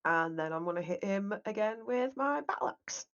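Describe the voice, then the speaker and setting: A woman's voice: medium pitch, expressive, normal speed, fairly bright tone, lo-fi sound. A woman chatting casually as a player in a tabletop game.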